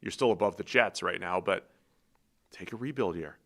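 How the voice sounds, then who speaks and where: A man co-hosting a casual football podcast, trading quick banter and introducing the games. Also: sits low, vocal fry, a bit bright. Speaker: podcast co-host, football analyst. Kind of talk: casual sports podcast chat.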